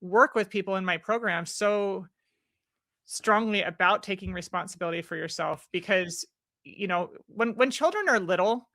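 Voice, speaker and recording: Bright-voiced earnest woman guest. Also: medium pitch, normal speed, no echo, clean studio sound. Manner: earnest, stumbling restarts. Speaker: podcast guest. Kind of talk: podcast conversation.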